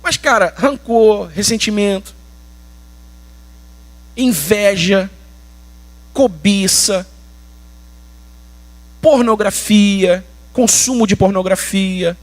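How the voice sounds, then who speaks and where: A man's voice: high voice, extremely slow, long pauses. A Brazilian man preaching a sermon as pastor, colloquial and emphatic, with slangy asides. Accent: Brazilian Portuguese.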